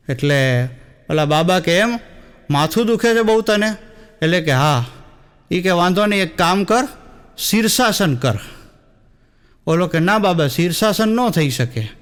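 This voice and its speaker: A man's voice: high voice, fairly bright tone. A young man with a Gujarati accent, telling comic stories on stage and acting out the dialogue. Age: young adult. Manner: storytelling with quoted dialogue, sung wedding song snippets. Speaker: stand-up comedian.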